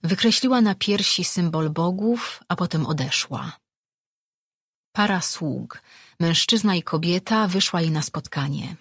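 A man reading a fantasy audiobook as narrator, in slow, measured scripted narration. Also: high voice, expressive, fairly bright tone, breathy edge, dry recording, clean studio sound.

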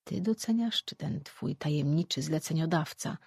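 A wary sorceress who answers with dry, wry retorts, read by an audiobook narrator. Her voice is husky and breathy. It sounds close and dry. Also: medium pitch, normal speed, a little mellow, dry recording.

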